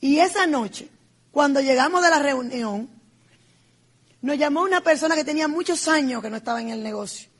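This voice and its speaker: A woman's voice: high voice, lively intonation, moderate pace. A middle-aged woman from the Republic, telling a heartfelt personal testimony in an emphatic, repetitive storytelling manner. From Dominican Republic. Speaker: business speaker.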